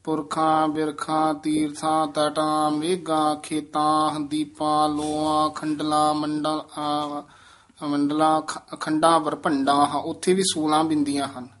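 A man teaching scripture recitation, correcting pronunciation and modeling each word slowly and carefully. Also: fairly high pitch, completely flat delivery, fairly bright tone. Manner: slow, deliberate, models each word syllable by syllable.

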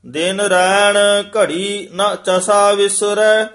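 Slow, chanting man reciting scripture. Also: high-pitched, fairly even intonation, a bit bright, soft background music. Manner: slow, measured, sung-through reading.

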